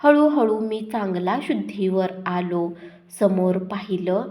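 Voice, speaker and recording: A woman narrating a first-person village story in a measured, dramatic way. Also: mid-range voice, a little mellow.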